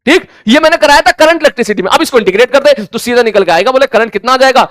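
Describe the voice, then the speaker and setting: Lively high-voiced male physics teacher. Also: racing, no echo, clean studio sound. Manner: acts out imagined student dialogue, conversational. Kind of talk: classroom lecture.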